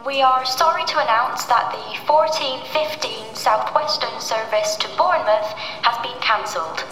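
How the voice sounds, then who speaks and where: Lady on the station tannoy, formal, clear bright voice, echoey hall. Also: on the high side, animated. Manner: formal, measured delivery. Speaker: train station announcer. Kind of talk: scripted station public-address announcement. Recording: echoey public-address hall, music behind.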